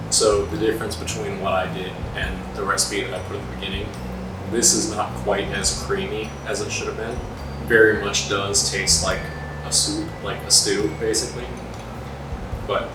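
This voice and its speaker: A man's voice: fairly low pitch, far from the mic. A man chatting casually as a cooking vlogger, rambling and self-deprecating. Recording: roomy echo, off-mic, music behind.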